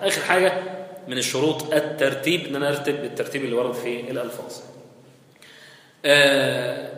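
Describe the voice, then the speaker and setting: A man's voice: a little high, a bit bright. A man with an Egyptian accent giving a conversational hadith lesson in a mosque, often checking in with his listeners. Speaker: religious teacher. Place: mosque hall. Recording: very echoey hall with long reverb.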